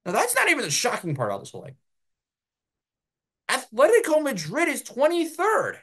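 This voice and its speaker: An American man hosting his own sports show, giving solo commentary and ranting in an animated way. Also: extremely high pitch, moderate pace.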